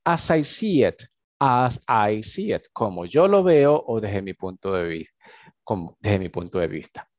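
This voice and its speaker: Slow-paced teacher, dry sound. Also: male voice, lowish voice, sing-song, darkish tone, dry recording. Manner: slow, drawn-out model phrases in English. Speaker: English teacher. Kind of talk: recorded online lesson.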